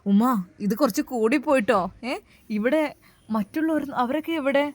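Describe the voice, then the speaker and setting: A worried, caring young man, voiced by a woman who calls out urgently in a Malabar accent. The voice stays fairly high and sounds close and dry, as in a spoken storybook. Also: normal speed, darkish tone, no echo, close to an everyday voice. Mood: reproachful. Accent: Malabar Malayalam.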